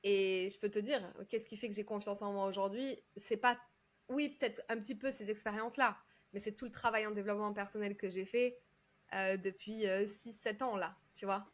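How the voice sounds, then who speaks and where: A woman's voice: medium pitch, fairly even intonation, fairly quick. A woman from France, a public speaking coach, telling her story in a casual, chatty interview, with lots of fillers and restarts.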